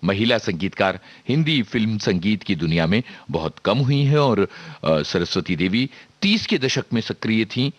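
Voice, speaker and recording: A man presenting on radio, sharing information in a measured way with frequent filler pauses. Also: lowish voice, lively intonation, dry recording, highs cut off.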